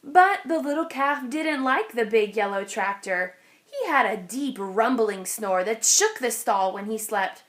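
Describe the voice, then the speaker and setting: A woman reads a children's picture book aloud with expressive, storytelling flair. Her voice sits on the high side, and she goes a little slowly.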